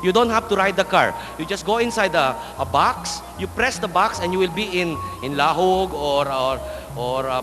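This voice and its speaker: A man's voice: high voice, fairly bright tone. A man with a Filipino accent doing playful, showy comedy magic patter like a kids' party magician on stage. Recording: echoey hall sound, music behind.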